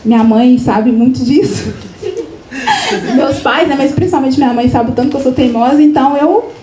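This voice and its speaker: A woman's voice: high-pitched, expressive, normal speed, crowd noise. Chatty woman, echoey room. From Minas Gerais, Brazil. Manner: chatty, frequent tag questions and restarts. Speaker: author at her book launch. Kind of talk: casual personal storytelling to an audience. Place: event room, live audience. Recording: echoey room with faint noise.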